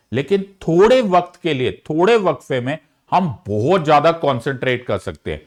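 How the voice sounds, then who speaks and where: A man with a slightly high voice coaches students in an earnest, direct way. He talks to the listener like a friend. His tone is urgent as he hands out study advice. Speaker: exam coach. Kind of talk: motivational study advice in mixed Hindi and English.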